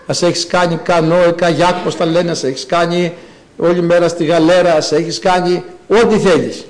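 Animated preacher man. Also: low-quality recording. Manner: animated storytelling with sudden high bursts. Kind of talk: sermon.

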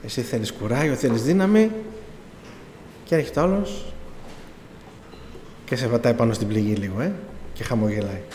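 This middle-aged man's sermon testimony relates his own experience with quoted dialogue and a pleading tone of emphasis. He speaks in a slightly mellow, medium-pitched voice and pauses often, while the hall adds echo and faint room noise.

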